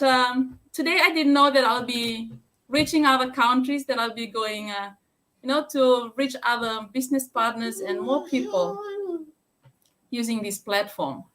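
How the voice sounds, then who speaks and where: A woman's voice: on the high side, sharp tone. A woman from Fiji speaking on a live stream from her home, talking hesitantly with many fillers and restarts.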